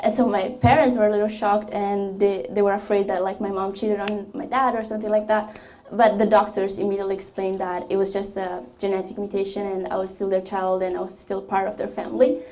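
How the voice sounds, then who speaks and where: A woman's voice: medium pitch, warm tone. A young woman from Ethiopia giving a personal testimony talk at a college event, speaking hesitantly with many fillers and restarts. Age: young adult. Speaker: student speaker.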